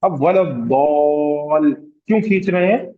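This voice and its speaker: Man, Hyderabadi Urdu accent, tajweed lesson, very slow delivery, repeats and quizzes class, stretches vowels, muffled lo-fi sound. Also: a little high. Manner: patient, repeats terms and asks the class questions; draws out vowels to demonstrate elongation. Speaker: tajweed teacher.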